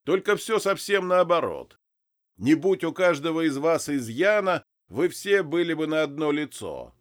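A man's voice: fairly high pitch, lively intonation, a little slow, voice pushed up. A man voicing a gloating, soul-buying demon boss. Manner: gloating, sneering, laughs cruelly. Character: sly mocking male demon boss who buys souls.

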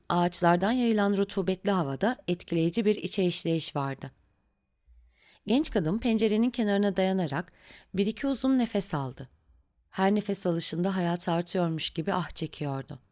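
A woman narrating a literary audiobook in a measured, unhurried reading. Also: medium pitch, darkish tone.

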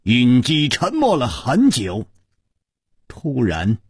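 A husky-voiced man telling a martial arts story in the traditional broadcast manner. His narration rises and falls dramatically, unhurried overall. The studio sound is close and dry. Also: mid-range voice, huge pitch swings, dry recording.

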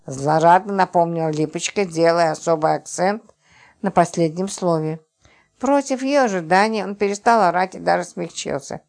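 A woman narrating an audiobook in a steady, expressive reading style. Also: on the low side, normal speed, vocal fry. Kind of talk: scripted narration.

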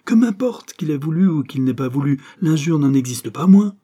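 A man's voice: medium pitch, normal speed, warm tone, husky, close to an everyday voice. A man reading aloud, voicing a proud, domineering old paralysed woman in indignant outbursts.

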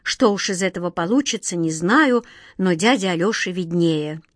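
A woman voicing a flustered, clumsy young girl who pleads in a high, hurried voice. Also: no room sound, clean studio sound, natural voice. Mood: relieved.

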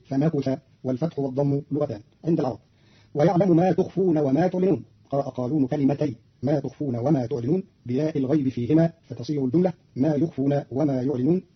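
Husky, fast-talking formal radio announcer man. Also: fairly high pitch. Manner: measured, formal announcer delivery. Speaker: radio presenter explaining recitation variants. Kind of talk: scripted explanatory narration. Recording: dull lo-fi archival radio recording.

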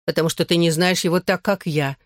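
A reader voicing a bubbly, excitable teenage girl who fiercely takes her best friend's side. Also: on the low side, no echo, clean studio sound, natural voice. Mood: grumbling. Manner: quick to excitement and indignation.

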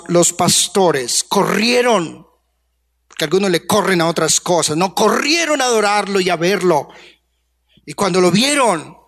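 A man preaching a sermon as pastor, passionate, swinging from hushed to loud, coaxing the congregation with questions. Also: on the high side. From Colombia.

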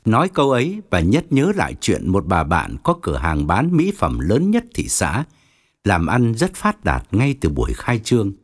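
A man narrating an audiobook story, expressive and wry. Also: fairly low pitch, normal speed.

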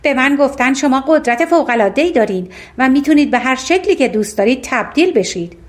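A woman's voice: high voice, lively intonation. A woman voicing a cunning, bossy talking cat in a fairy tale reading, harsh and threatening. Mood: flattering.

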